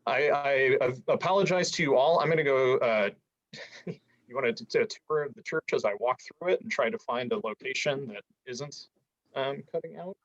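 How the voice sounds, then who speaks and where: A man's voice: mid-range voice, moderate pace, muffled recording. Man lecturing over patchy, volume-dropping audio. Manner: stumbling restarts, easygoing. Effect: audio volume uneven, keeps dropping out. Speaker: adult education class teacher. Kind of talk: online church history lecture. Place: inside a church. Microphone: video call over church wi-fi.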